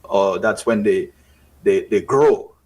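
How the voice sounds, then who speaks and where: On a rough recording, a Dominican-raised man with a Dominican accent speaks slowly in a lowish, slightly mellow, breathy voice. He's a writer and festival organizer on a radio talk show, in a studio or on a remote line, and his earnest, thoughtful delivery includes several restarts.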